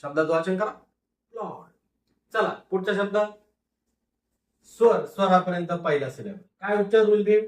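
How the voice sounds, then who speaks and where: A man teaches phonics, saying each word slowly and repeating it so the class can read along. His voice sounds distant, picked up in an echoey room. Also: high-pitched. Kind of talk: phonics lesson.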